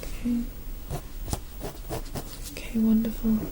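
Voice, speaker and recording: A woman doing an ASMR role-play as a gentle, calm nurse, speaking in a soft, breathy half-soft voice with a reassuring manner. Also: a little high, takes it slowly, background noise. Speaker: ASMR performer playing a nurse.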